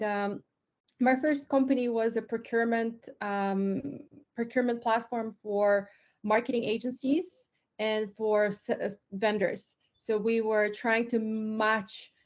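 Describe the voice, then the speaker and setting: A fairly high-voiced woman from Lithuania presents her tech company in a relaxed webinar, talking chattily with frequent fillers and restarts. The sound comes over a video call and is a little dull. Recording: slightly dull online call audio.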